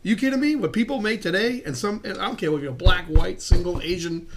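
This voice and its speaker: A man's voice: sits high, fast talker, faint music behind. A man in casual chat, arguing his point insistently and filling with "you know". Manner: argumentative, leans on "you know".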